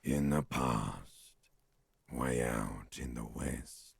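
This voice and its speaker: Gravelly, extremely deep talking corpse. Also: male voice, no room sound, heavily acted. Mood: bleak, taunting. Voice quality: very gravelly, guttural rasp, often breathy. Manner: slow, drawn-out, taunting delivery. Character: dead man's corpse talking in detective's head, sardonic, weary. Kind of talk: video game voice acting.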